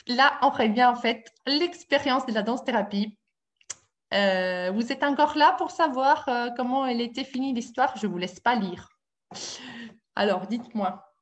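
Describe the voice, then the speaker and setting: A woman's voice: a little high, a bit bright. A woman with an Italian accent leading a webinar as a dance-movement therapist, talking to her audience with many hesitations and questions. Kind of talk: live webinar talk.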